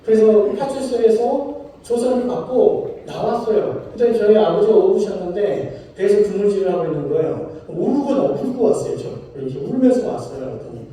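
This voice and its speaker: Male preacher, high mellow voice, storytelling sermon, far from the mic in a very echoey church. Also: normal speed. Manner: storytelling, asks congregation questions. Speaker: pastor. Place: church sanctuary. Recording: roomy hall, from far off.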